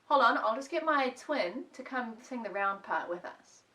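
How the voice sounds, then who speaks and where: A woman's voice: fairly high pitch, expressive, normal speed, sharp tone, slight background noise. A woman music teacher leading a children's music lesson at home, playful, singing song lines between her spoken instructions. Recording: voice a little distant from the mic.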